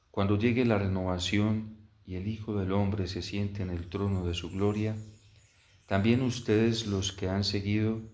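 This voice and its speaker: A male priest delivers scripture and homily in a solemn, measured way. His voice is fairly low and very unhurried, carried by strong cathedral-like echo. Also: a little mellow. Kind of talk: solemn liturgical Gospel reading and homily. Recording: echoey, cathedral-like church reverb.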